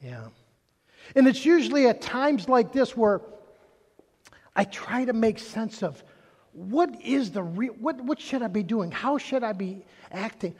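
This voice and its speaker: A pastor giving a sermon in a chatty way, joking with the congregation in church. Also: male voice, very high voice, expressive, measured pace, a little mellow, husky, big-room sound.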